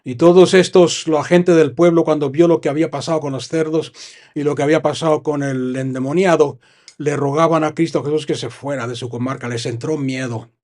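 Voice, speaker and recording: A Spanish-accented man from Spain delivers a sermon, alternating between reading scripture and stopping to stress what it means. His voice sits a little high yet sounds mellow and warm. He often lets phrases fall away quietly at the end. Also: fairly even intonation, brisk. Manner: reads scripture, then stops to comment and stress points. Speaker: pastor.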